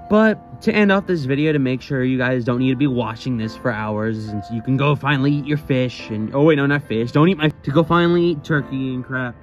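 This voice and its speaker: A man's voice: medium pitch, a little fast, hardly any pauses. A young man talks outdoors in the cold, his voice shaking as he shivers. He rambles in a jokey, self-mocking way. The audio is a little dull, with faint music underneath. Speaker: YouTube creator. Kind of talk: casual vlog greeting to fans.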